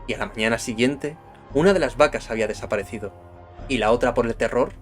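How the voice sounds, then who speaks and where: A man's voice: mid-range voice, quick pace, faint music behind. A man with a Castilian Spanish accent narrating a Norse myth with dramatic storytelling.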